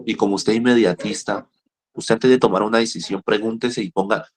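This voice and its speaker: A middle-aged man counseling people in recovery in a lively talk. He tells stories, repeats himself and speaks straight to his listeners. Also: on the low side, a little fast. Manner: animated, repeats words, speaks directly to listeners. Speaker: rehab counselor. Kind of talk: motivational talk with storytelling.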